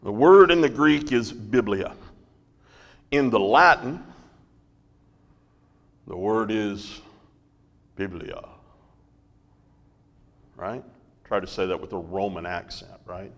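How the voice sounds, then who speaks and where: Speaking slowly in a large hall, a man with a lowish, animated voice teaches a Bible lesson. He often checks in with his class by asking "right?" and "okay?".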